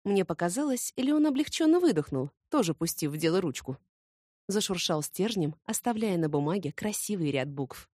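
A woman narrating an audiobook in first person, expressive and ironic. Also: on the low side, a little fast, dry recording, clean studio sound.

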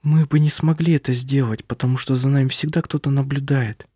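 A man's voice: lively intonation, normal speed, a little mellow, dry recording, clean studio sound. A man voicing spirited young woman Viljamu. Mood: wistful. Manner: raised pitch, emotional and pleading.

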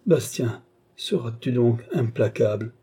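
A man's voice: medium pitch, a little slow, mellow, slightly rough. A man reading aloud, voicing a dying old man who confesses his crimes in a faint, broken, pleading voice.

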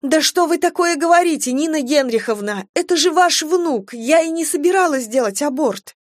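A frightened young mother, acted by a woman reading aloud, pleads in a raised, thin voice that sounds close to tears. Her lines sit well above the reader's own pitch and are recorded dry and close. She sounds fragile and on edge, as in a horror audiobook. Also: monotone, drawn-out words, warm tone, no room sound. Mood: pleading. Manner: high, pleading, near tears.

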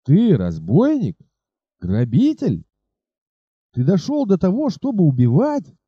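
A man's voice: sits high, huge pitch swings, slow, dark tone, breathy edge, no echo, highs cut off, pitched above the performer's own voice, heavily acted. A man voicing a bold noble horseman in an audiobook, firm and declamatory. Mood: astonished. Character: bold noble male horseman, commanding gentleman.

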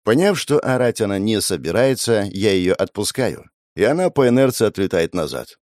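A man's voice: on the low side, very animated, normal speed, a little mellow, no echo. A man narrating an audiobook in the first person, with a wry, sardonic inner monologue on a close mic.

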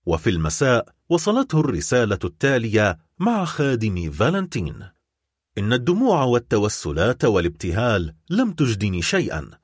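A man's voice: mid-range voice, slightly rough, no room sound, studio quality. A man reading a novel aloud as an audiobook narrator, in a dramatic storytelling manner.

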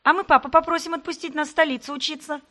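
Woman doing pushy twin girls, squeaky high, rapid-fire questions, storybook. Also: fairly even intonation, bright, forceful tone. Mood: eager chatter. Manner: rapid breathless questions, shrill. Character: lively teenage twin girls, chattering and pushy.

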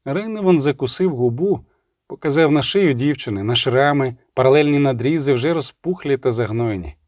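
A man's voice: medium pitch, animated, moderate pace, a little mellow, no room sound, studio quality. A man narrating a fantasy novel as an audiobook, telling it dramatically and shifting his voice for the characters.

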